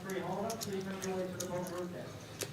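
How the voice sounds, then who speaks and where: A man's voice: high voice, level tone, brisk. A man making formal calls to players over a PA system in a casino poker room. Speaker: venue announcer. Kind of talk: public announcement. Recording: echoey PA from far off, noisy room.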